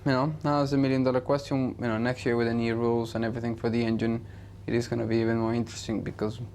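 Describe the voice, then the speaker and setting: Flat-voiced racing driver, casual interview. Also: male voice, medium pitch, racing, a little hiss or hum. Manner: casual, lots of "you know". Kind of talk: interview answers.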